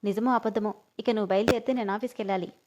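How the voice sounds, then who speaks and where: A woman voicing a spirited young woman with sharp retorts, in a storybook reading. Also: mid-range voice, steady tone, rapid-fire, slight background noise, close to an everyday voice.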